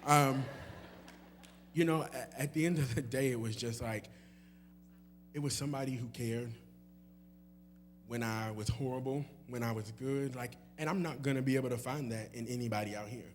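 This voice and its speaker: A man's voice: medium pitch, normal speed, long pauses, a little hiss or hum. A young man, a guest singer, answering audience questions in a loose, rambling way with many fillers and laughs, in a church hall. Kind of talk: casual Q&A chat.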